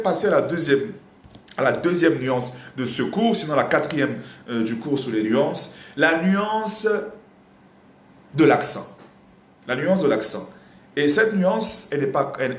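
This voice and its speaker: Animated Congolese-born vocal coach. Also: male voice, on the high side, echoey room. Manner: animated, repeats phrases while explaining. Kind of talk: singing lesson with sung examples.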